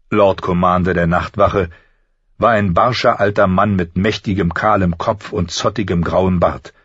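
A man reading an audiobook in steady, measured narration. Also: fairly low pitch, breathy edge, no echo. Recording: dry, dull lo-fi audiobook sound.

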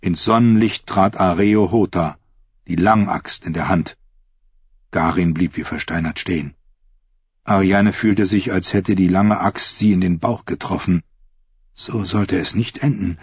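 Audiobook reader, low husky man, dry dull recording. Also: a little slow, no room sound. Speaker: audiobook narrator. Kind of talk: scripted narration.

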